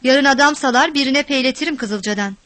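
A woman voicing a brisk, bossy village man giving orders in a read story. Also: sits high, fairly bright tone, dry recording. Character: bossy village man, gruff and rough-spoken.

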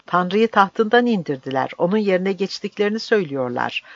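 A stern, easily alarmed old priest, as an audiobook reader puts him on, given to sharp, irritable cries. The recording is dry and slightly dull. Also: medium pitch, lively intonation, a little fast, dry recording, voice pushed up, lightly acted. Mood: agitated. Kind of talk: audiobook reading.

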